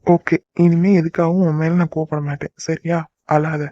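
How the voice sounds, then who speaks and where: A man voicing a gentle young man in a cartoon, soothing and teasing his crying sweetheart. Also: on the high side, little pitch movement, normal speed, close to an everyday voice. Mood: soothing tender. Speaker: voice actor. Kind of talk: cartoon love-story dialogue. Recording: dull lo-fi dry recording.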